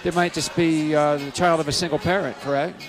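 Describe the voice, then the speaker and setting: A male co-host talks fast and asks pointed follow-up questions in a rather high voice. Music runs clearly beneath his speech. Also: steady tone, a crowd in the background. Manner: inquisitive, quick follow-up questions. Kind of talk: interview chat. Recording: music playing underneath.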